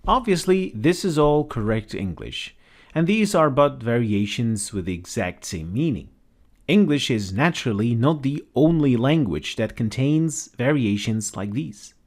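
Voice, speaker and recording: Male narrator, lively pitch, calm explainer read. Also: unhurried.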